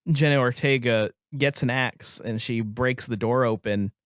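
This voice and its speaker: A podcast co-host with a mid-range, slightly bright voice and fairly even intonation chats casually about a film at a moderate pace. He laughs often and acts out lines in put-on voices, and the recording is studio quality with no room sound.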